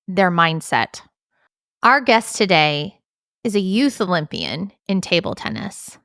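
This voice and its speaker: A woman hosts a podcast with a bright, smooth voice and speaks in an effusive, enthusiastic way. Her recording sounds dry and close. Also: mid-range voice, no room sound. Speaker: podcast host. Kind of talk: podcast intro and interview.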